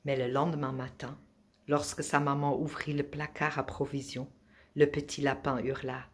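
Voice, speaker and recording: A woman reading a children's picture book aloud at a library, playful and expressive, giving the characters their own voices. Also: a bass voice, moderate pace. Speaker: library storyteller.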